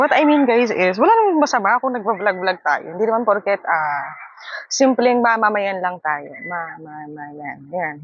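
Chatty laughing woman vlogger, husky voice. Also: no echo, lo-fi sound. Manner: chatty and laughing, high squeals. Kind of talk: casual vlog chat. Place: outdoors by a hammock. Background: wind.

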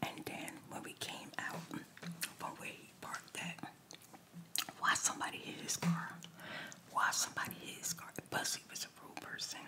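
A woman's voice: moderate pace, bright, forceful tone. A woman whispering a chatty story, ASMR style, while doing a word search at a table and addressing the listener as child. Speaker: ASMR creator.

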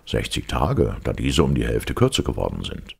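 A man with a very deep, gravelly voice voicing an easygoing captain who gives way in argument. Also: moderate pace, exaggerated voice. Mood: calm. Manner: calm, conceding. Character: easygoing male sea captain, yielding.

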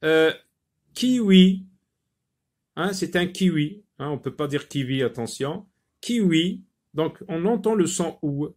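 A man teaching French phonics, repeating each word slowly with many hesitations. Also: fairly high pitch. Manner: slow, repeats words, many filler hesitations. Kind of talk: slow phonics lesson.

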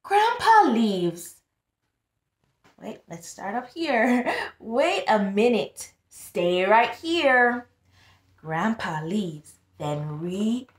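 Her voice on the high side, a thirtysomething tutor reads aloud from a picture book for young children with expression and deliberation, often pausing to prompt with questions. She is in a small, plain-walled indoor room that echoes.

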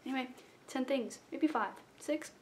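A young adult vlogger from South Florida sits in her small bedroom and chats rambly and self-deprecatingly into a nearby webcam for an intro video. Her voice is high-pitched and a little mellow, moving at a moderate pace against slight background noise.

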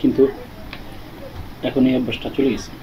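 A man's voice: medium pitch, level tone, racing. A man hosting an eating video, chatting casually to his viewers with his mouth full. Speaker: food vlogger. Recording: slightly dull audio with fan and wind noise. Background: fan whoosh.

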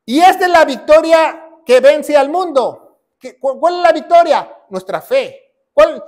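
High-pitched pastor guy preaching, asks and answers himself, gets shouty. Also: expressive, a little slow. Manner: emphatic, repeats key phrases, rises to shouts. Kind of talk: sermon.

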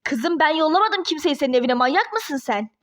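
A woman's voice: sits high, expressive, a little fast, fairly bright tone, dry recording, studio quality. A woman voicing an irritated man at his workplace, defensive and brushing off his ex-wife in a toy-game role-play drama.

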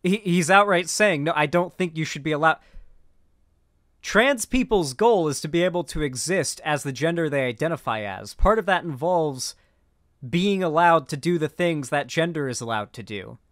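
Streaming political reaction commentary from a small room at home, this American in his twenties sounds animated, with a slightly high, fairly bright voice. He stumbles over his words, swears freely and comes across as indignant and sarcastic. A close boom mic keeps the recording dry.

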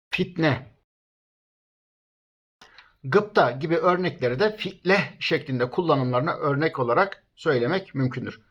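A man's voice: a little high, lo-fi sound. A man teaching a recorded language lesson, reading out lists of example words one at a time and speaking to his students as friends. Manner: reads word lists slowly, one word at a time; addresses listeners as friends.

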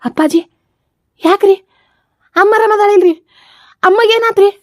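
A guilt-ridden young husband in a comedy skit, played by a woman with a North Karnataka Kannada accent. His voice sits very high and dry, pleading tearfully and repeating his words. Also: unhurried, dry recording. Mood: crying.

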